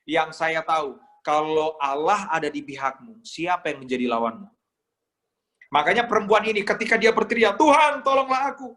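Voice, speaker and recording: A man's voice: on the high side, normal speed, a bit bright. Impassioned young male pastor. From Indonesia. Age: young adult. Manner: emotional, dramatic storytelling, acts out pleading voices. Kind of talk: sermon.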